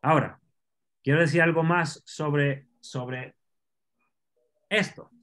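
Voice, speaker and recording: A man teaching an online scripture class, explaining Hebrew words slowly and asking his students questions. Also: a little high, fairly bright tone.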